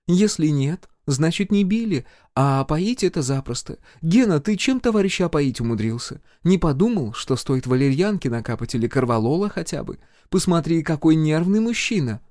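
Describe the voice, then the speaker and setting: A man's voice: fairly high pitch, lively intonation, darkish tone, dry recording, clean studio sound, pitched above the performer's own voice, close to an everyday voice. A man doing a sarcastic, unflappable woman healer. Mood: mocking. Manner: mocking, teasing, drawn-out.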